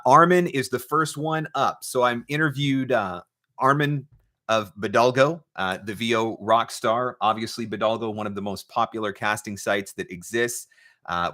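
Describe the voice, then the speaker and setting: A voiceover marketing coach hosts an off-the-cuff livestream, chatting informally with a playful, teasing streak. His voice is medium-pitched, bright, and forceful.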